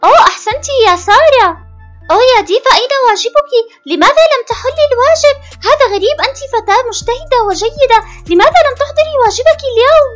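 A woman's voice: very high-pitched, animated, rapid-fire, soft background music. A woman voicing a strict schoolteacher doll with a bossy, scolding manner. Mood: cheerful.

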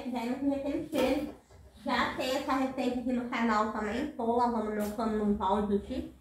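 A woman in her thirties with a Brazilian Portuguese accent chats casually to viewers while cleaning her home kitchen, speaking often to them and sounding tired. She's a home cleaning vlogger with a high-sitting voice, recorded indoors by a camera across the room, so the audio is echoey with slight background noise.

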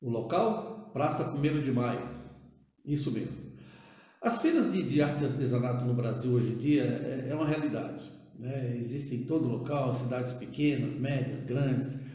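A man's voice: medium pitch, normal speed, warm tone. Older man talking in an echoey room. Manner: conversational, with frequent "né?" tags and hesitations. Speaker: vlogger proposing a civic project. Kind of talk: casual direct-to-camera talk. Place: indoor room, seated at a table.

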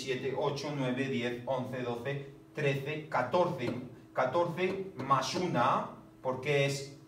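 A man teaching a poetry lesson, speaking haltingly with many fillers and counting syllables aloud. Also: on the high side. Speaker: literature teacher. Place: classroom. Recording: echoey room, distant mic, faint noise.

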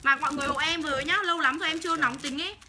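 A woman's voice: high-pitched, steady tone, sharp tone, slight background noise. A young woman, selling clothes on a livestream, rattling off buyers' names between profane, angry rants. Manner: rapid sales patter calling out buyers' names. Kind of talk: livestream selling, ranting at viewers.

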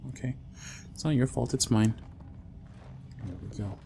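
Slow, whisper-to-yelp gamer man. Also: lowish voice, vocal fry, a little hiss or hum. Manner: swings from quiet whispers to loud panicked yelps. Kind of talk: let's play commentary.

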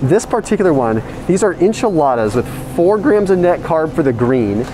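A man talking through a face mask, casually reviewing frozen food in a supermarket aisle, animated and quick with asides. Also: a little high. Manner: animated, reads out ingredient lists with quick asides. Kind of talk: casual walkthrough vlog. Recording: noisy store background.

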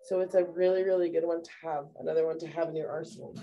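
Speaking very fast in a deep, dark, level voice, a mother shows off essential oils in her home bathroom. She is young or middle-aged, chatty, full of fillers, and keeps saying "you guys." The highs in the recording are cut off.

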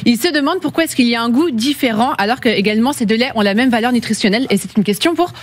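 Brisk fast-talking woman co-presenter. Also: fairly high pitch, expressive. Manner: brisk, reading out questions. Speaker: show co-presenter.

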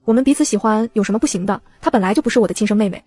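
Woman doing a young man, protective brother, pleading, quick, storybook. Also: medium pitch, dark tone, slightly rough, no echo, natural voice. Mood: indignant.

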